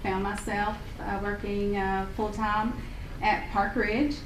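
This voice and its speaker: A woman's voice: medium pitch, slow pace. A middle-aged woman, a hospital imaging director speaking off the cuff at a county meeting in a friendly, chatty way full of ums. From Sequatchie Valley, Tennessee. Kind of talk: unprepared public remarks. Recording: echoey hall, distant mic, steady hiss.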